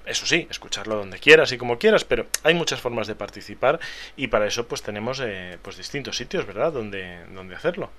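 A man with a Spain Spanish accent talks through a podcast intro in a relaxed, rambling style. He explains as he goes, casual and conversational, at an average pitch for a man. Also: brisk. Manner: chatty, explanatory, loose and rambling. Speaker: podcast co-host.

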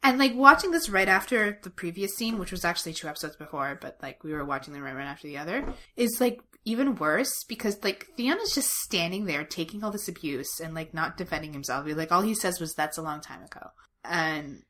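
A woman's voice: lowish voice, expressive, fairly quick, pushed and bright, slight background noise. A woman co-hosting a casual show recap podcast, talking sarcastically with lots of "like" as filler. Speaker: podcast co-host.

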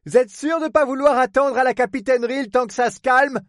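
A man's voice: extremely high pitch, moderate pace, no echo, studio quality, voice pushed up. Man voicing a fretful, swearing harbor master. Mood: worried, pleading. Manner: blunt rustic talk, full of oaths. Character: gruff, fretful middle-aged male harbor superintendent. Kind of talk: audiobook character voice.

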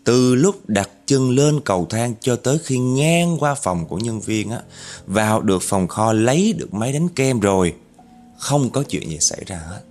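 A man narrating a horror story in an animated way, speaking directly to his listeners. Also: medium pitch, normal speed, faint music behind.

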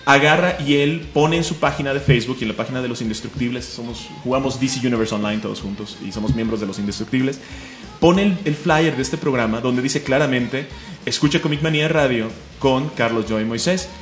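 A man with a Mexican accent hosts a comedy radio show, his medium-pitched voice sounding roomy over soft background music. He talks fast in a casual, joking way, full of enthusiasm and frequent laughter.

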